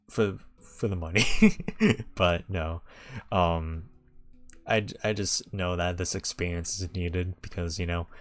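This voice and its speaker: A man's voice: low voice, smooth. A young man talking casually and candidly to camera at home, in a rambling, hesitant way. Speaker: vlogger. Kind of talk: casual vlog talk.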